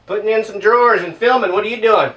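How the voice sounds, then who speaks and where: A man's voice: sits high, fast, a bit bright, highs cut off. A man chatting casually while installing drawers, captured on old camcorder audio. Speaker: home woodworker filming himself. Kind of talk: casual chat while working. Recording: noisy old camcorder audio, distant mic.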